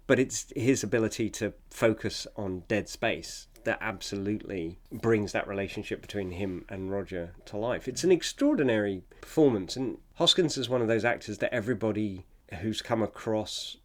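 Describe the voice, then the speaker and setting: A man appearing as a guest on a film podcast, talking enthusiastically and sharing production anecdotes. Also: on the low side. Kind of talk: casual film discussion.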